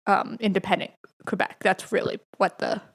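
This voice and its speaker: A woman playing along as a contestant on a casual trivia podcast, quick and teasing in her answers. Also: medium pitch, level tone. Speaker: quiz contestant.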